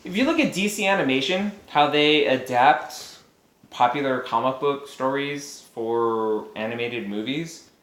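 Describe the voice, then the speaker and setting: A man co-hosting a casual chat, ranting heatedly and swearing a lot. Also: mid-range voice. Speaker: podcast co-host. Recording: echoey room.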